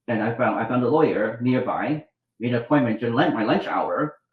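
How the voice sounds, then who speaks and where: He's a middle-aged man from Vietnam, a doctor and writer, talking fairly quickly in a mid-range voice as he narrates his life in an interview. The story rambles with many restarts and dramatized dialogue, and the reverberant audio sounds narrow and tinny.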